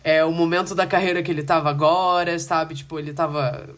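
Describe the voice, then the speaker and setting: A man's voice: on the high side, level tone, a little fast, a bit bright. A Brazilian man co-hosting a film podcast, talking in a casual, informal and enthusiastic way. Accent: Brazilian Portuguese.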